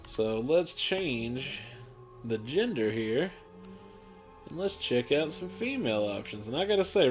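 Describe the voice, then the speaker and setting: A man's voice: medium pitch, a little mellow. Offhand, rambling male gameplay commentator. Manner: rambling, offhand, lots of fillers. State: tired, hiccuping and yawning. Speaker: gaming channel host.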